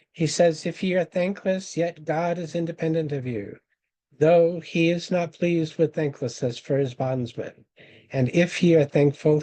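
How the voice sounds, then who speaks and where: A man presenting a webinar, reading scripture passages aloud in a measured, deliberate way and explaining them. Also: mid-range voice, mellow, poor audio. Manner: measured, reads quotations slowly and deliberately.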